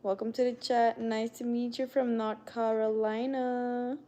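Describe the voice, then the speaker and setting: Greeting viewers by name, this young livestream host chats casually in a non-native English accent. Her voice is a bit high and dark, level in tone and a little slow.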